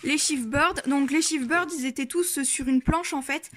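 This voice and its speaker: A woman's voice: high-pitched, normal speed. A woman hosting a crafting vlog, chatting casually and hesitating often with fillers.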